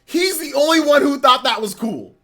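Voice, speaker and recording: Streamer, male, forties: bright, sharp-edged voice, ranting and repetitive, exasperated live reaction. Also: very high-pitched, animated, moderate pace. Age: 40s. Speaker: livestreamer.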